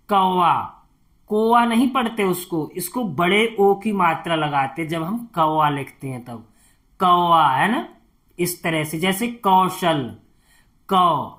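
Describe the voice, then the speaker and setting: A woman's voice: lowish voice, a bit bright. A woman teaching the Hindi alphabet step by step, patiently repeating each sound and often checking with the listener. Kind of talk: slow step-by-step alphabet lesson.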